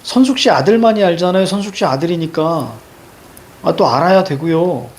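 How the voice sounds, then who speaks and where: A male teacher lecturing his class on a novel, chatty and animated, talking straight to the students. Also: a little high, normal speed, slight background noise.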